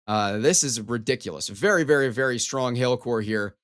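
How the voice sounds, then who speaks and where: A man's voice: mid-range voice, moderate pace, a bit bright. A man hosting a live storm coverage stream, giving running weather commentary in an emphatic, repetitive way. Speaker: storm coverage livestream host.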